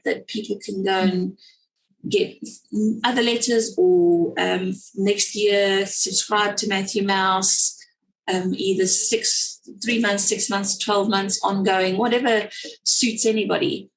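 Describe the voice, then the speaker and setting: This children's story writer, a woman with a South African accent, is a guest speaker on a video call webinar. Her gravelly, medium-pitched voice keeps a steady tone at a measured pace, though she rambles casually with many fillers and restarts. The recording is rough.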